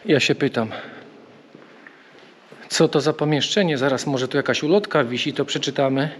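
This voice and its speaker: A man's voice: medium pitch, moderate pace. Young guy chatting to his camera on a long walk, joking around, slight background noise. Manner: chatty, joking asides to viewers. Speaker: travel vlogger on a pilgrimage walk. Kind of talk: casual vlog talk to camera. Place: outdoors and inside a small church.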